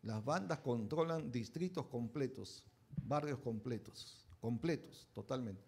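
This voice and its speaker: A man's voice: mid-range voice, unhurried, vocal fry, darkish tone, slightly rough. A pastor preaching a conversational sermon, often checking in with his listeners with short tag questions.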